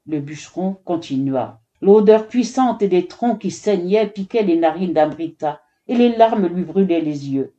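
Brief: expressive female storyteller, mellow tone, slightly muffled recording. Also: on the low side, measured pace, hardly any pauses. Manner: expressive, voices every character. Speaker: narrator. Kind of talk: storybook narration.

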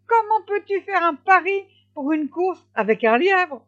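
A woman voicing a fretful, shrill female hedgehog wife in a storybook tale. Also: expressive, measured pace, fairly bright tone, full character voice. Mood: alarmed. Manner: shrill, alarmed. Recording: slightly dull lo-fi recording.

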